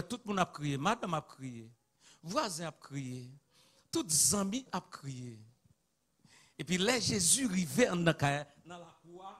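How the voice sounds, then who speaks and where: A male preacher with a Haitian accent delivers a sermon in a high, bright, ringing voice. He drops to hushed asides, then builds to chanted, shouted peaks.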